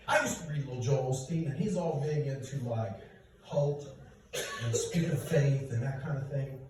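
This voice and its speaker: Middle-aged male stand-up, high-pitched, chatty asides to the crowd; distant mic, big room echo. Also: darkish tone. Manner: self-deprecating, conversational asides to the audience. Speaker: stand-up comedian. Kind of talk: stand-up comedy set. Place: church hall, live audience. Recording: echoey hall from far off.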